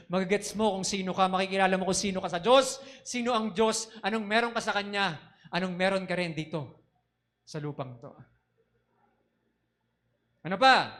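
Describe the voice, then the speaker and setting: Man, preacher, high-pitched, animated sermon, questions to audience. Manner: animated preaching, mixing Tagalog and English, asking the audience questions.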